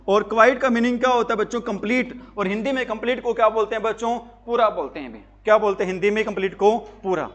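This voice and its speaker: A high-voiced man lectures a class on grammar. He fires questions at his pupils, then answers them himself, repeating key words with emphasis. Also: fairly bright tone. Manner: repetitive, emphatic teaching. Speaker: English teacher for job exams.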